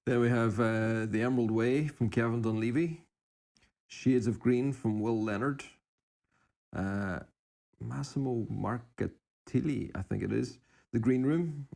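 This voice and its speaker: A man's voice: medium pitch, unhurried, creaky, mellow. A man co-hosting a podcast, reading out listener suggestions and adding brief, informal remarks in casual unscripted chat. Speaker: podcast co-host.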